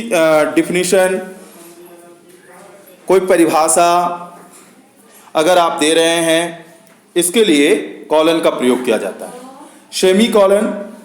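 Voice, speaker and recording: Slow-talking Indian teacher with a high voice. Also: male voice, echoey room. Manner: slow, patient, repeats points for students. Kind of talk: explaining grammar lesson.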